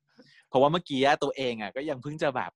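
A man's voice: mid-range voice, rapid-fire, darkish tone, no room sound, clean studio sound. Chatty man recapping a series. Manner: chatty, laughing, acts out scenes. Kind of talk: casual recap talk.

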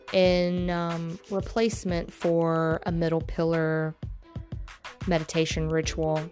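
A woman talks alone into her podcast mic at a middling pitch, unscripted and frank. She stops and restarts with many ums and swears freely. Quiet music plays faintly underneath. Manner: hesitant and halting. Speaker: podcast host. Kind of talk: casual solo podcast monologue.

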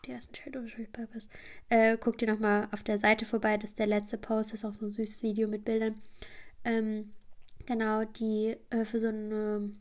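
A woman's voice: mid-range voice, a little mellow. A woman hosting a podcast, telling a story in a rambling, chatty way with many fillers. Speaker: podcast host.

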